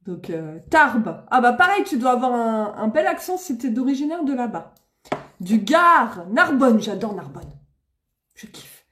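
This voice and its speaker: A woman's voice: fairly high pitch, sing-song, normal speed, fairly bright tone, a little hiss or hum. A woman from the Paris region chatting live with her followers while doing her makeup, bubbly and exclamatory, laughing often. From Seine-et-Marne, France. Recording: echoey room.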